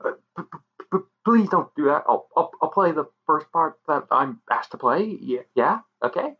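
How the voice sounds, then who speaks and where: A man's voice: low-pitched, big pitch swings, a little slow, full character voice. A man voicing a timid, nervous extra who stutters and pleads. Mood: pleading. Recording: muffled lo-fi recording.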